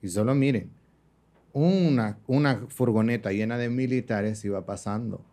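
A man's voice: mid-range voice, moderate pace. A young man, chatting as a makeup artist guest and acting out the voices in his stories. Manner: animated storyteller, acts out quoted voices, laughs often. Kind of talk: casual conversational interview.

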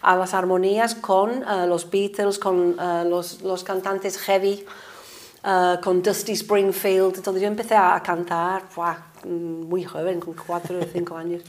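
A woman in her sixties from Liverpool with an English accent, a singing teacher chatting in an interview, animated and laughing often. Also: lowish voice, measured pace. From England, Liverpool. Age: 60s. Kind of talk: casual interview conversation.

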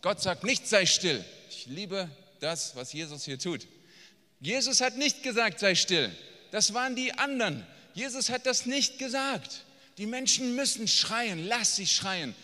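A man preaching a sermon, blunt and emphatic, swinging from quiet asides to near-shouting. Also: high voice, expressive, measured pace. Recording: long reverb of a large hall.

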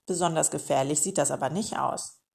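A woman's voice: low-pitched, brisk, vocal fry, a little mellow, voice pushed down. A woman voicing an impatient young female meerkat girl in a children's storybook, cheeky and whiny.

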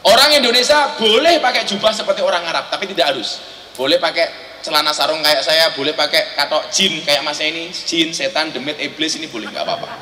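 A man's voice: on the high side, noisy background. A man with a Javanese accent giving a joking sermon full of rhetorical questions and teasing asides, recorded in a large hall. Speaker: Islamic preacher. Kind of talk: humorous sermon. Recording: echoey hall, faint ambience.

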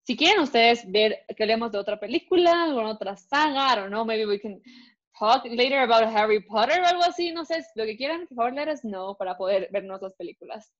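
A young woman co-hosts a podcast in brisk, chatty conversation, blending English words into her Spanish. Her voice is on the high side with lively intonation, and the recording sounds dull and lo-fi.

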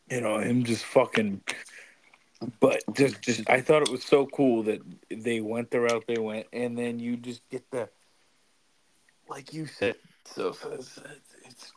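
A man's voice: mid-range voice, background noise. A young man co-hosting a podcast, talking casually with many restarts, fillers and swearing. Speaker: podcast co-host. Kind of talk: casual chat.

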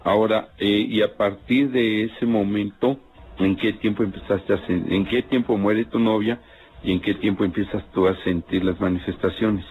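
A man's voice: fairly low pitch, steady tone, normal speed. A male pastor probing a caller with insistent questions on an archive radio show. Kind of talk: radio call-in counseling. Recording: phone-like archive radio with music.

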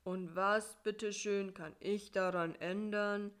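A woman voicing a grumpy, sleepy male spider in a storybook reading, with a gruff, loud, indignant manner. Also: mid-range voice, steady tone, slow.

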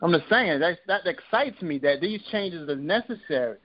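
A man's voice: fairly high pitch, lively intonation, normal speed. A man in his thirties co-hosting a casual podcast, speaking emphatically and voicing strong opinions. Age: 30s. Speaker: podcast co-host. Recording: dull lo-fi audio with faint noise.

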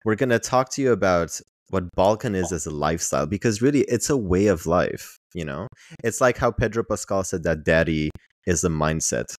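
A man's voice: low-pitched, lively intonation, brisk, no room sound, clean studio sound. A man from Romania co-hosting a podcast, bantering in a playful, sarcastic way. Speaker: podcast co-host. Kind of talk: casual chat.

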